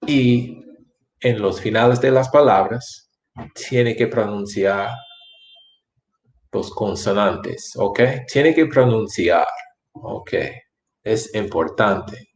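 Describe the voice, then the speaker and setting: A man teaching English in a language lesson, speaking slowly and repeating words with careful enunciation. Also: lowish voice. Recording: echoey room.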